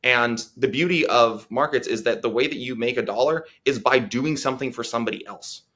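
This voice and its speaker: A man's voice: mid-range voice, brisk, pushed and bright. A man as a policy analyst guest in a political interview, talking earnestly with many fillers and restarts.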